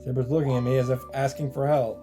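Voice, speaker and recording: With game music playing behind him, this let's player talks fast in a flat, mid-range voice. He gives casual commentary, reacting aloud and reading the game's text out in English.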